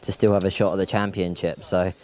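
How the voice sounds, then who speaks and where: Low-voiced young driver, calm recap. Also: male voice. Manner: calm, measured race recap. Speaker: third-placed driver.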